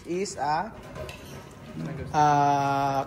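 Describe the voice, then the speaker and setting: Speaking very slowly with fairly even intonation, a Filipino food vlogger tastes dishes at a shared restaurant meal, blending Tagalog with English and laughing frequently. His voice is on the high side and a little mellow. There's a large-hall sound and a bit of hiss or hum underneath.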